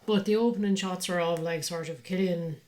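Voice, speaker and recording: A woman's voice: fairly low pitch, fairly even intonation, fairly quick, a little mellow. A woman co-hosting a podcast in casual chat, talking easily and teasing her co-host.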